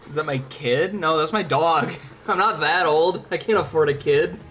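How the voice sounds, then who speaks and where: A young man in his twenties hosts a livestream, chatting with viewers in a casual, rambling style with some cursing, as music plays behind him. His voice is on the high side and a bit bright, moving at a moderate pace.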